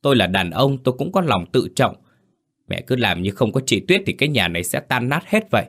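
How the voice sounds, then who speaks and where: A cold, scheming young man, voiced by a male storyteller. His deep voice turns curt and quick as bitterness spills out. It is a defiant villain in a spoken ghost story. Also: expressive. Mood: resentful.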